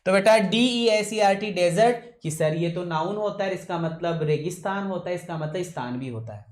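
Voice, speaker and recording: Echoey male teacher checking understanding. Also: high voice. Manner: keeps checking with students, calls them son; deliberately slowing his usually fast speech. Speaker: English teacher for exam coaching. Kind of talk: classroom lecture. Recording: echoey room.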